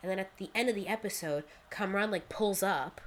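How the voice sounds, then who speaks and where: A young woman co-hosts a podcast, recapping a show in chatty conversation packed with "like" fillers and quoting characters in lively voices. Her voice is medium in pitch and fairly quick.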